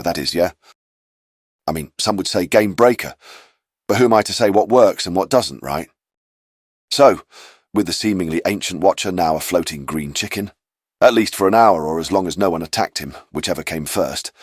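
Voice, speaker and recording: A man's voice: low voice, breathy edge, dry recording, clean studio sound. A man narrating a scripted fantasy adventure recap as a storyteller given to wry, chatty asides.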